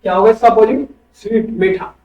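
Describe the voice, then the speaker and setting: A man's voice: high-pitched, steady tone, a little fast, lo-fi sound, slight background noise. A male teacher giving an online coaching class, asking quiz questions and answering them himself. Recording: echoey room, far from mic.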